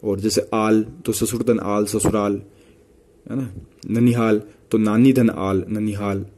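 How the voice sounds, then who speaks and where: A man's voice: lowish voice, little pitch movement, takes it slowly, dark tone. A man teaching Hindi grammar for an exam, listing example words one after another and checking in with "है ना" as he goes. He speaks Hindi with a Rajasthani accent. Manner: rattles off word lists with repeated "है ना" tags. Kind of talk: exam-prep grammar lesson.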